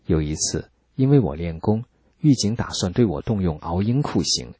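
A man calmly reading a first-person account as scripted narration, measured and steady. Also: low-pitched, breathy edge, dry recording. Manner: calm, measured storytelling.

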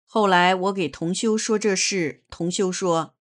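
A woman reading a first-person testimony aloud in a measured, earnest way. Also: on the low side, steady tone.

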